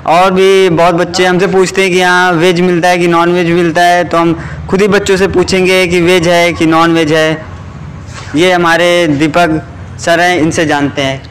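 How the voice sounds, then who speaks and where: A man's voice: high voice, flat delivery, moderate pace, fairly bright tone, a little hiss or hum. Young man giving an upbeat canteen tour. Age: young adult. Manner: upbeat, addressing viewers directly as friends. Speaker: student vlogger touring a campus canteen. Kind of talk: casual walking vlog. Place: outdoor college canteen under a metal roof. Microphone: small handheld clip mic held near mouth.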